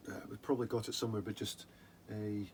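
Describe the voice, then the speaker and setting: A man with a fairly low voice talks casually and loosely, often drifting off before he finishes a thought. He sounds like the co-host of an informal show, recorded in a room with some background noise. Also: flat delivery, fast, a little mellow. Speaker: co-host of a whisky review show. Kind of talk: casual chat. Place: attic room. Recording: clearly noisy room recording.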